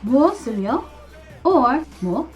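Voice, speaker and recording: Brief: animated woman vlogger teaching phrases to camera, quick talker, slightly high voice, faint music under. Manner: animated, acts out little scenes, laughs often. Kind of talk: casual language lesson vlog. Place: living in Korea.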